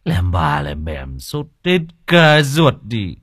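A man's voice: deep voice, huge pitch swings, slow pace, a bit bright, dry recording, clean studio sound, full character voice. A man doing a slurring drunk young layabout. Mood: grumpy. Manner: slurred, whiny drawl.

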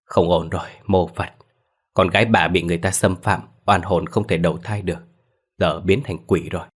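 A man voicing an old village exorcist with a hoarse voice who speaks and chants solemnly. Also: low voice, fairly even intonation, moderate pace. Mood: grave.

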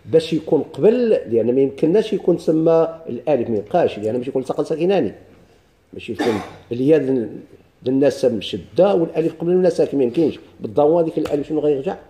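A man's voice: on the high side, expressive, very fast, mellow. A man with a Moroccan accent teaching a grammar lesson, explaining step by step and quizzing his students with questions.

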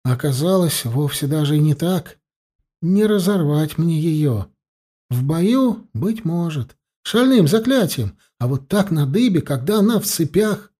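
A man reading first-person fantasy narration for an audiobook in an expressive, lively way. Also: a little high, unhurried, husky. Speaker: audiobook reader.

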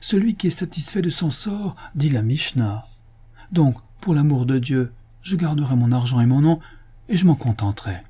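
A man's voice: animated, moderate pace, warm tone, breathy edge. A man voicing a whiny, desperate pleader. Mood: despairing. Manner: whimpering, high-pitched lament.

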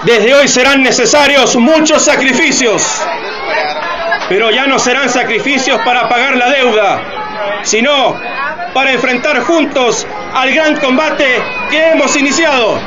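Heard over dull lo-fi audio thick with crowd noise, a very high-pitched male actor voices a defiant president in a piece of radio theatre. His measured, emphatic speech to rally the nation feels rousing and solemn.

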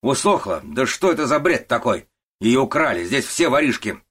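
Guy voicing a bossy warehouse boss yelling at everyone, higher and louder. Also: big pitch swings, normal speed, slightly rough. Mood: angry, bossy. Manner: loud and scolding. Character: shouting, bullying middle-aged male warehouse boss.

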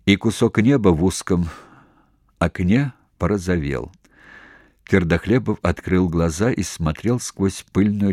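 A man reading a novel aloud as an audiobook in a steady, serious manner. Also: deep voice, no room sound, studio quality. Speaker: audiobook narrator. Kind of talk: scripted narration.

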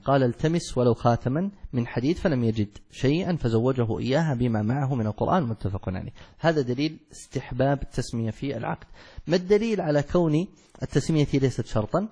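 Husky-voiced sheikh explaining a text. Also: male voice, medium pitch, mellow. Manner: explains step by step, asks and answers his own questions. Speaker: sheikh teaching a fiqh text. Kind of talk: classical Arabic study lesson.

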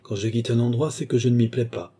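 A man's voice: mid-range voice, steady tone, quick pace, warm tone, husky, pitched above the performer's own voice, natural voice. A man voicing a humble young man who pleads and cries out in anguish, in a storybook reading. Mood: pleading.

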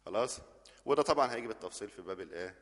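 A man's voice: on the low side, expressive, rapid-fire, fairly bright tone, long reverb tail. A man with an Egyptian accent teaching an Arabic grammar lesson, explaining step by step and often checking that the class follows.

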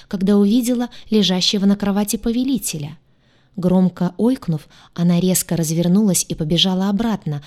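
Female audiobook narrator, lower voice, steady storytelling read. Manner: measured storytelling.

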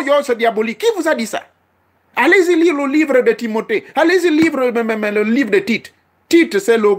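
Emphatic man preaching with rhetorical questions. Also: high-pitched. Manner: emphatic, asks the audience frequent rhetorical questions. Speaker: spiritual teacher. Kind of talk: preaching-style teaching talk.

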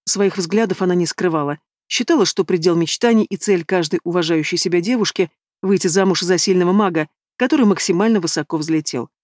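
A woman narrating a fantasy novel in the first person, in an even storytelling manner, close to the microphone. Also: on the low side, fairly quick, no echo. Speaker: audiobook narrator.

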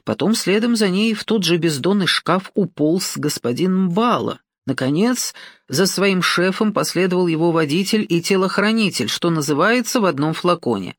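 Woman, audiobook narrator, scripted storytelling, even pace, wry asides, dry close recording. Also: fairly low pitch, moderate pace, no echo.

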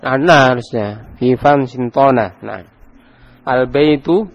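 A man's voice: mid-range voice, slow, dull audio. A man with an Indonesian Javanese accent teaching an Arabic grammar class, quizzing his students and prompting them to read aloud. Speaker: Islamic teacher.

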